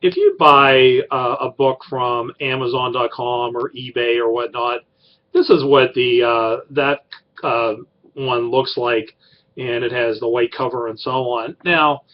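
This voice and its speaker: A man's voice: mid-range voice, fairly even intonation, measured pace, muffled recording. A middle-aged man who teaches college writing, giving a class introduction in a rambling way with many fillers and restarts. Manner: rambling, filler-heavy, self-correcting.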